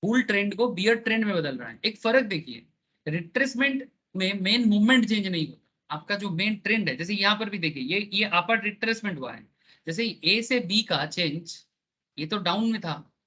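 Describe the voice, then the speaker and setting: A man's voice: sits high, animated, moderate pace, pushed and bright. A man teaching an online class, explaining with everyday analogies and checking in with his students.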